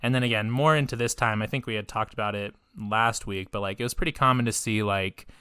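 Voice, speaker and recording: A man's voice: lowish voice, steady tone, quick pace, sharp tone, clean tone, dry recording, clean studio sound. A man co-hosting a podcast in casual chat, rambling with lots of fillers, casual swearing and frequent laughs. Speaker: podcast co-host.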